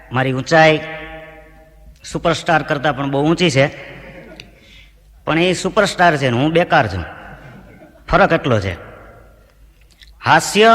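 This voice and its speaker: A man doing stand-up, telling Gujarati folk jokes to a live audience and shouting out the lines of the people in his stories. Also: on the high side, unhurried, long pauses, long reverb tail. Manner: animated joke-telling, shouts out the heckler's lines. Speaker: stand-up comedian.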